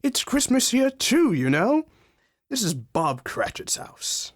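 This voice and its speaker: A woman voicing a jolly giant male Christmas spirit in a student radio drama, with a grand, booming, exclaiming manner. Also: big pitch swings, slow pace, heavily acted. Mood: kindly.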